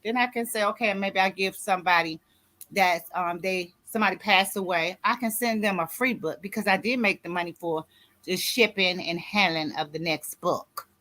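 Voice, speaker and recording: She speaks at a medium pitch and normal speed, with a sharp tone. This woman in her sixties, an author and host mentoring co-authors, leads a conversational radio program of motivational talk. Her style is emphatic and exhorting, with regular checks that listeners are with her.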